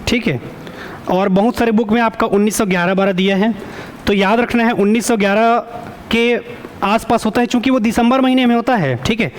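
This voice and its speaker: A male teacher giving an online exam-prep lecture. He keeps quizzing the students for answers, often stops to check with a quick "okay", and corrects himself as he goes. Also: high voice, steady tone.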